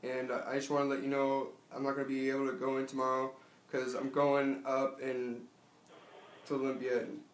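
A young man making a casual prank phone call, talking in a hesitant, halting way. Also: medium pitch, monotone. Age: young adult. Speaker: prank caller. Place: small furnished room at home. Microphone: camera a short distance away. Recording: echoey room, camera mic.

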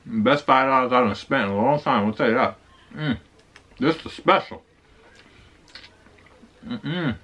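A man's voice: medium pitch, unhurried, pauses often, fairly bright tone, breathy edge. A man in a casual eating vlog, chewing with his mouth full and humming over his food in a laid-back, slangy way. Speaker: mukbang vlogger. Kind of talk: casual chat while eating. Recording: dull lo-fi sound.

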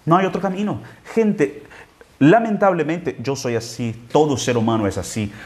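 A man teaching Spanish in a live phone stream, explaining slowly and drawing out words to show how they sound. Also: a little high. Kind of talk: live-streamed language lesson.

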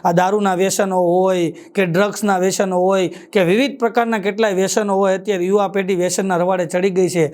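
A man with a Kathiyawadi Gujarati accent telling jokes on stage at a live show, moving briskly from punchline to punchline with a recurring catchphrase. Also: high voice, little pitch movement, darkish tone. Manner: quick punchlines, ends each joke with a catchphrase. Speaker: stand-up comedian.

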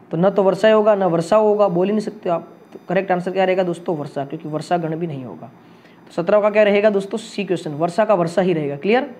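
A young man teaches exam grammar in a lively, coaxing way. His voice sits noticeably high, and he keeps asking his viewers for answers. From India. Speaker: Hindi exam coaching teacher. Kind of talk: solving test questions for viewers.

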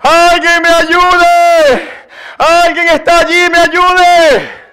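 A man's voice: extremely high pitch, slow, sharp tone, voice pushed up, heavily acted. A man voicing a frightened male mountain climber who dangles from a branch and pleads for help. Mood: desperate.

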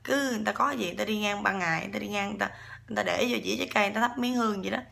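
A woman's voice: mid-range voice, racing, vocal fry, a bit bright. A woman with a Southern Vietnamese accent telling a ghost story in a casual, chatty way and often talking straight to her listeners. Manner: chatty, keeps addressing the listeners.

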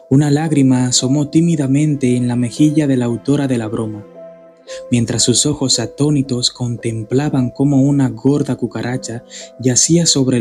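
A man from the Dominican Republic reading a scripted horror story in a measured, grave manner. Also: mid-range voice, a little mellow. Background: faint background music.

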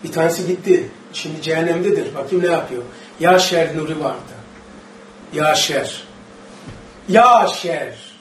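With a fairly bright tone, unhurried delivery and long pauses, a Turkish-accented man preaches a religious study sermon in what sounds like a mosque or study hall. His passion builds into high, emphatic bursts as he recites Arabic verses and questions the audience. A distant mic picks him up in an echoey hall with faint noise.

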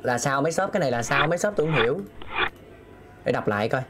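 A man streams a game with live commentary, talking himself through puzzles and reading viewers' messages aloud. His medium-pitched voice is animated and quick, and the recording is very noisy.

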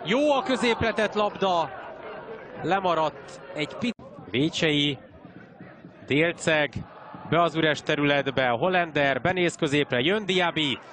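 A man's voice: on the high side, long pauses. A man calling a football match live as commentator. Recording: broadcast with clear crowd noise.

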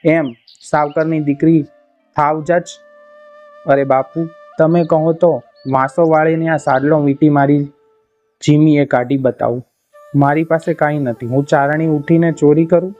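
A man's voice: fairly high pitch, steady tone, normal speed, long pauses, natural voice. A man voicing a poor old woman bard who pleads humbly, told within a storybook reading. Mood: pleading. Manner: pleading, imploring. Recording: slightly muffled, soft music behind.

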